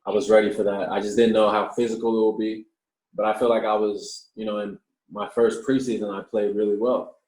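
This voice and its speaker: Talking a little fast in a fairly low voice, a twenty-something pro basketballer who grew up in Australia gives relaxed interview answers. He often repeats words when starting a thought. The recording is rough and has reverb.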